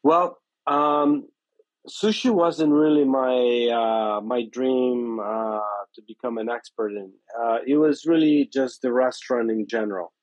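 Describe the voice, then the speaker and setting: A man's voice: medium pitch, a little slow, darkish tone, no echo. Brazilian accented chef guy in his 50s, lots of uh and restarts, dry kinda dull audio. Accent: Brazilian Portuguese. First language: Portuguese. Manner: hesitant, many fillers and repeated words. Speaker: chef and restaurant owner, guest. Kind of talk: casual interview. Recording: dry, slightly dull sound.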